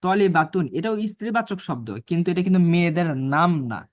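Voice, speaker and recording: A man teaching an online Arabic grammar class, asking himself rhetorical questions and reading Arabic phrases slowly. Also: sits high, no room sound, studio quality.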